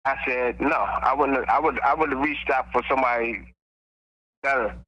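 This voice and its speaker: A man calling in to a talk show, heard over a speakerphone, softly recounting a past conversation. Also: medium pitch, moderate pace, lo-fi sound. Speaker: caller. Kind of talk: call-in show guest.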